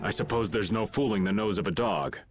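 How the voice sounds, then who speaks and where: A man's voice: on the low side, a little fast, over music, close to an everyday voice. A man voicing a cool, formal knight captain. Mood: cold. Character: weary middle-aged male knight captain. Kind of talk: video game voice acting.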